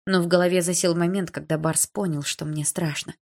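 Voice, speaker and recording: A woman narrating a novel in the first person with calm, even reading. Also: on the low side, brisk. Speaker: audiobook narrator.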